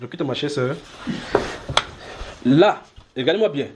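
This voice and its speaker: A man from Cameroon preaching a sermon with a fairly high voice. He moves through his points with energy, acting out little scenes in changing voices and chuckling as he goes. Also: measured pace, noisy background. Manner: lively, acts out little scenes with shifting pitch, chuckles while preaching.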